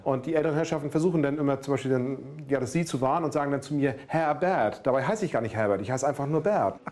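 In a hospital emergency department, a male nurse with a Berlin accent chats and jokes with patients at their bedside, tagging his phrases with "ne?". He talks fast in a medium-pitched, darkish voice, keeping things friendly and chatty.

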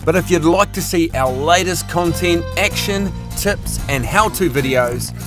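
A man's voice: fairly high pitch, a little slow. A man reading scripted narration and promos for a fishing show. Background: guitar music.

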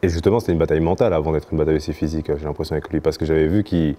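A male interviewer with a very deep, dark voice who speaks extremely fast. He strings long questions together and often restarts his sentences as he goes. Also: steady tone.

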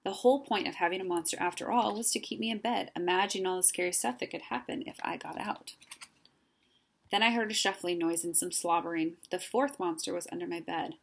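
Woman storyteller for a children's book; lowish, slightly gravelly, expressive. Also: a little fast. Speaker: reader. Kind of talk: children's story read-aloud.

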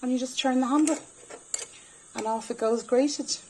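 A woman in her forties with an Irish accent chats her way through a cook-along in her own kitchen, talking homely and explaining each step as she goes. Her voice is mellow and warm in tone. The camera sits on the worktop, with a faint hum of kitchen noise behind her. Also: high voice, fairly even intonation, moderate pace, low-quality recording. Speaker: home cooking vlogger. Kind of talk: casual cook-along talk. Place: home kitchen.

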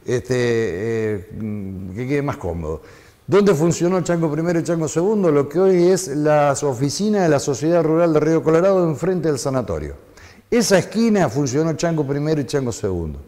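A man's voice: on the high side, lively intonation, moderate pace, dark tone, long reverb tail. A man in his fifties with an Argentine accent, a former DJ recalling the past in a rambling interview, with many fillers. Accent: Argentine Spanish. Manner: reminiscing, rambling with frequent fillers. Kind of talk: conversational interview.

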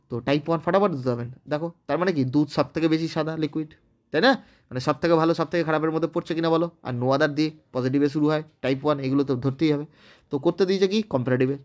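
A man with a Bengali accent teaches an English grammar lesson at a brisk, rapid pace. His voice sits somewhat high. He breaks each rule into small steps and keeps asking whether his students have understood. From West Bengal, India. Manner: explains step by step, often checks understanding with the class. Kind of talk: recorded online grammar lesson.

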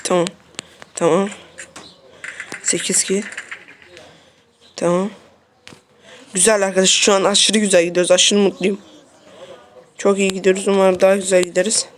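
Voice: medium pitch, level tone, moderate pace, pauses often. A streamer giving casual commentary on a mobile shooter game, repeating short phrases and talking straight to the viewers. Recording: faint noise and clicks.

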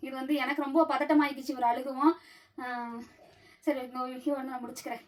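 A woman with a Tamil Nadu accent chatting casually to her vlog viewers at home, quick and animated. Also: sits high. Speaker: vlogger pulling a prank on her husband. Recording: voice heard from a distance.

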